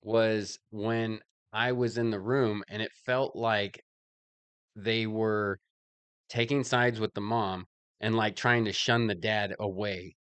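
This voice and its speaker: A man's voice: lowish voice, fairly even intonation, slow pace, fairly bright tone, clean tone, dry recording. A man in casual podcast chat, relating his own experiences in a thoughtful way. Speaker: podcast co-host.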